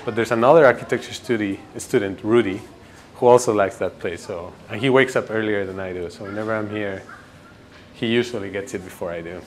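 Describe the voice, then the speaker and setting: A man. His voice sits a little low, and his relaxed, rambling talk is full of fillers. A faint hiss sits under the recording. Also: fairly quick. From Ecuador. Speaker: graduate student giving a campus tour. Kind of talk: casual documentary interview.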